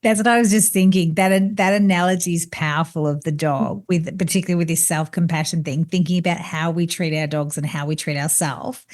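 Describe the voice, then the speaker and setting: A woman's voice: on the low side, steady tone, brisk, few pauses, darkish tone. A woman hosting a podcast, asking long, meandering questions in a casual chat. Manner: asks long, rambling questions. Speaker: podcast host.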